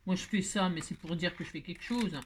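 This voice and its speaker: A woman's voice: fairly low pitch, fast talker, a little hiss or hum. A woman hosting a casual card-making tutorial, chatting and joking as she works, with lots of "hein" asides and mock exasperation. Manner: theatrical self-mocking exasperation. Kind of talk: casual crafting tutorial chat.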